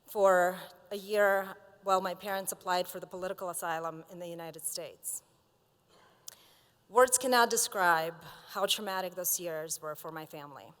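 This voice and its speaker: A woman in her forties from Azerbaijan, giving an earnest, measured commencement speech. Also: lowish voice. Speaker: commencement speaker. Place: large hall. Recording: long hall reverb.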